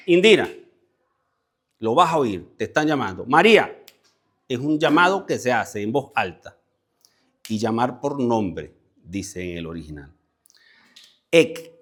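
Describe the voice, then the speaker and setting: A male preacher gives a conversational Bible lesson to a gathered congregation. He walks through word meanings one step at a time, calls on listeners by name and repeats key words for emphasis. His voice sits at an ordinary middle pitch. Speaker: preacher leading a Bible study. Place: church meeting with a congregation present.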